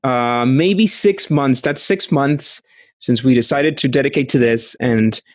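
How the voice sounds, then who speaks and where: A man in his thirties from Costa Rica with a Costa Rican accent, answering interview questions over a video call, speaking haltingly with many restarts. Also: medium pitch, no echo. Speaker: startup founder. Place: small room at home, indoors. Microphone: studio mic with headphones.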